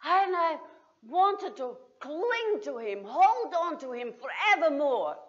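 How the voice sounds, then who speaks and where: A woman performing a dramatic first-person monologue as Mary Magdalene, moving between hushed and exultant, recorded in a church. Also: sits high, very animated, slow pace, lo-fi sound. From Australia. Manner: theatrical, swings from hushed to exultant. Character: Mary Magdalene, grieving then joyful woman.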